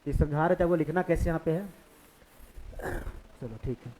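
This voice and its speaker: A man with a high-pitched voice teaches physics to a class, his speech carrying an eastern Indian Hindi accent. He talks in a loose, conversational way, repeating the steps and pausing to ask whether everyone follows. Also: warm tone, rough recording. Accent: Hindi-speaking eastern India. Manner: conversational, keeps checking understanding with the class. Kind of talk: classroom lecture.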